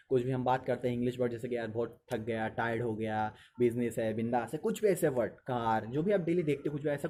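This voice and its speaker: Male teacher, chatty and repetitive, mid-pitched, recorded with a noisy hiss. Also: mellow. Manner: conversational, repeats phrases, mixes English into Hindi. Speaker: teacher giving study tips. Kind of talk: casual spoken study advice.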